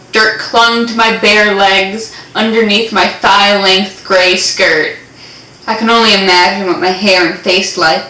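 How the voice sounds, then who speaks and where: A woman's voice: mid-range voice, bright, forceful tone. A young woman co-hosting, casually reading fan fiction aloud with playful, theatrical comic asides. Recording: echoey room, distant mic.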